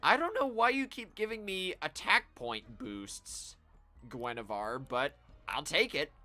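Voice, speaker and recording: Lively, bright-voiced man streaming a game. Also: a little high, a little slow, faint music behind. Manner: chatty, self-amused, reacts out loud to the game. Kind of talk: live gameplay commentary.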